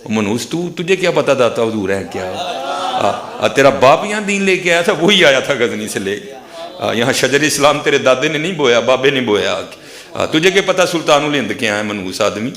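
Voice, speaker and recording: A man's voice: mid-range voice, big pitch swings, roomy sound. A man, ranting like a preacher and taunting a rival with challenges. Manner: taunting, rising to shouted challenges. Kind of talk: combative sermon-style rant.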